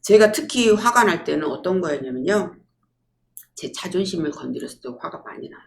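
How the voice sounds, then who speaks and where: A woman giving a public lecture, telling lively stories and acting out quotes. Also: on the low side, brisk, vocal fry. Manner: lively storytelling with acted-out quotes.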